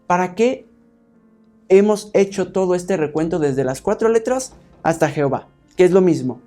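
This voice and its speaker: Speaking at normal speed, a man with a high-sitting, dark-toned voice delivers a Bible teaching sermon over faint background music. He explains each point in turn, often asking the congregation "¿sí?", and calls them "hermanos."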